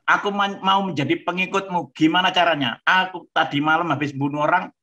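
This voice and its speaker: Brief: male pastor, animated testimony, slightly high, bright tone, muffled audio. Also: brisk. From Malang, East Java. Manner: lively, acts out dialogue with shifting voices. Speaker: pastor giving his testimony.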